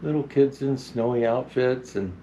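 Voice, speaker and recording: A man playing a jolly old Santa Claus who hosts a picture book reading in a gentle, halting, unhurried manner. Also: medium pitch, a little hiss or hum, lightly acted, poor audio. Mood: friendly, rambling.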